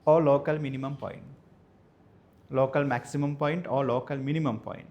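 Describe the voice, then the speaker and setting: A male maths teacher, dictating lecture notes slowly and repeating each phrase so students can write it down. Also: medium pitch, steady tone, lo-fi sound. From Sri Lanka. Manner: repeats phrases slowly for note-taking, spells words out.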